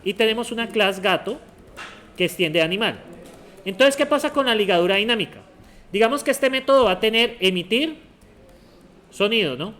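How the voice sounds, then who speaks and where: A man's voice: high-pitched, a bit bright. A man giving a university programming lecture, steadily quizzing the class with short questions. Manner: asks the class many quick check questions.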